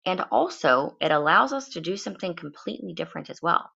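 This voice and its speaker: A woman's voice: fairly low pitch, lively intonation, gravelly, sharp tone, slightly rough, muffled recording. A woman with a sleepy morning voice, musing unhurriedly in a solo podcast monologue recorded at home. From United States. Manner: musing, unhurried, loosely rambling. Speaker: podcast host. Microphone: home podcast setup.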